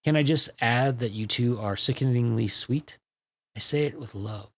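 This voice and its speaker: A man's voice: medium pitch, normal speed, natural voice. A man voicing a chatty, teasing female best friend with a bubbly manner. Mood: teasing playful.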